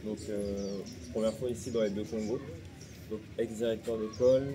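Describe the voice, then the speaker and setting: A man's voice: lowish voice, steady tone, normal speed, crowd noise. A man, an entrepreneur, introducing himself hesitantly with fillers.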